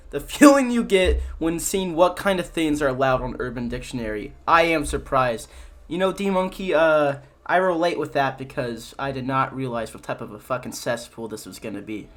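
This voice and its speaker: Here a young male video creator with a medium, slightly bright voice reads text aloud and comments on it casually. Frequent laughter mixes with swearing and exasperation.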